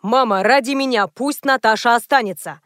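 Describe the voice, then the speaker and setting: Flustered adult son pleading with his mother, read by a woman narrator in her own high voice; dry close audiobook sound. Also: normal speed, a bit bright, dry recording, close to an everyday voice. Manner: awkward, pleading.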